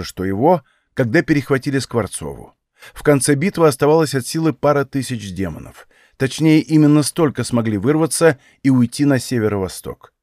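A man voicing a calm, formal old servant with a dry ironic manner. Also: medium pitch, dry recording, lightly acted.

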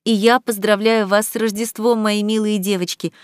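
A woman's voice: medium pitch, little pitch movement, normal speed, clean tone, no echo, studio quality, natural voice. A woman doing a tender storybook mother. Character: gentle caring mother.

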